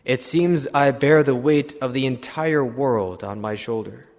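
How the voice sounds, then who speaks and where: Eager mighty giant in old-style speech, read by a male priest, slow, echoing hall. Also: mid-range voice, close to an everyday voice. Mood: proclaiming. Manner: loud, archaic declaring.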